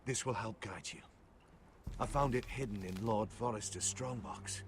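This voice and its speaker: An actor playing a solemn, loyal older male retainer and uncle in a video game, speaking in a measured, earnest way. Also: fairly low pitch, background noise, lightly acted. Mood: grave. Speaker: loyal family advisor.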